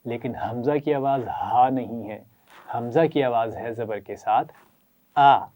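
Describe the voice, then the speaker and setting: A man with a Pakistani Urdu accent and a warm, mid-range voice teaches children a Quran reading lesson. He praises them often and leads them in repeating letters and sounds.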